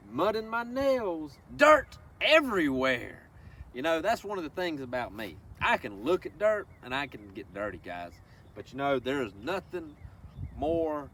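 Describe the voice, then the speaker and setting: A man with a medium-pitched, fairly bright voice presents a children's read-along, reading a picture book aloud. He speaks directly to the children in an instructive, folksy way, mixing in asides and questions. The recording, made on a far-off mic, carries faint background noise.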